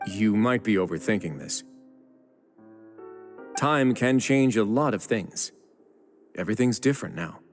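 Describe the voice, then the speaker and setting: A man playing a calm, shrewd and authoritative prison administrator in a video game, reasoning in a composed, assured way. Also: on the low side, unhurried, long pauses, soft background music. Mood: thoughtful, reassuring.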